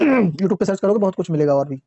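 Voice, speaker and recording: A male teacher giving a classroom lecture, reading English lines slowly, explaining them in Hindi, quizzing the class and clearing his throat often. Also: sits high, animated, warm tone. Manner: quizzes the class with repeated questions. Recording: dull lo-fi classroom recording.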